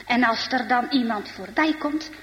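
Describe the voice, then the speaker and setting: A woman's voice: on the high side, moderate pace, a bit bright, long reverb tail, muffled recording, slight background noise, close to an everyday voice. A woman voicing a mischievous boy who likes to tease and plans pranks. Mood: scheming. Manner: teasing, scheming. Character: teasing mischievous boy, the ringleader.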